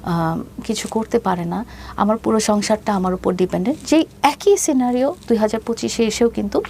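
Her medium-pitched voice is creaky and a little mellow as this woman in her fifties, Bangladeshi-accented, relates a personal story during an interview. Slight background noise is present, and she talks hesitantly, mixing in English.

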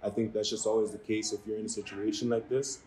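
A young man, a university football player, answering post-game press questions in a measured, reflective way with frequent ums. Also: lowish voice, level tone, darkish tone, slight background noise, poor audio. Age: young adult. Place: small room before a maroon backdrop.

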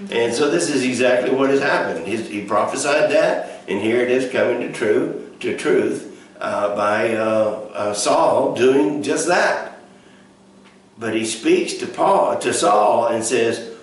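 A man pastor teaching a Bible study in a folksy, rambling way, full of fillers and restarts. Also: mid-range voice. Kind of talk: casual teaching. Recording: echoey room from a distant mic, faint noise.

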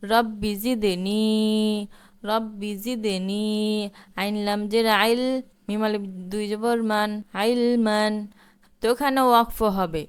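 Slow, smooth-voiced woman teaching Quran reading. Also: mid-range voice, steady tone. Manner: slow, syllable-by-syllable spelling with drawn-out vowels. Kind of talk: spelling out Arabic letter by letter, slow drawn recitation.

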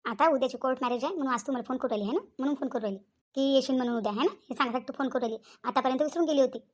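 A woman voicing a young village woman in a cartoon, scolding a friend in a nagging, reproachful way, with a Varhadi Marathi accent from Vidarbha. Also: sits high. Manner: nagging, rapid reproachful questions. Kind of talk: cartoon voice acting.

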